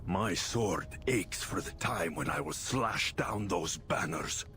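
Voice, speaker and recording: A proud, menacing warrior in a video game, speaking very slowly in a low, bright-edged voice. His pitch swings widely. Soft game music plays under him. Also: expressive. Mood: brooding.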